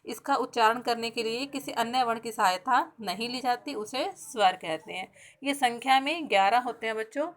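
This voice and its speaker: Higher-voiced woman teaching a class. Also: a bit bright. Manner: explains step by step and asks the class questions; slows down to spell out sounds and example words. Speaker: school teacher. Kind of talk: recorded grammar lesson for pupils.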